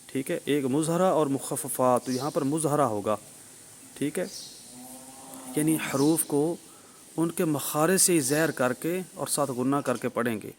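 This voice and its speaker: A man teaching the rules of Quran recitation. He explains step by step, repeats his points, checks in with his listeners and sounds out example syllables loudly and slowly. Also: fairly high pitch, a little hiss or hum. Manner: demonstrates sounds with loud drawn-out examples. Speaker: tajweed teacher.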